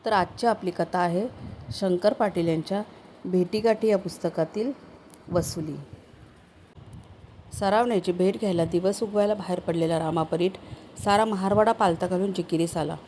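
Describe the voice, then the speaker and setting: A woman who hosts a storytelling channel, narrating a literary short story in a measured, steady way. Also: on the low side, slight background noise, poor audio.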